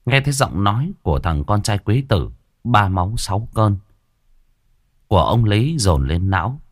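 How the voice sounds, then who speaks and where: Deep-voiced man telling a ghost story. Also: sing-song, moderate pace, dry recording, clean studio sound. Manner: dramatic storytelling.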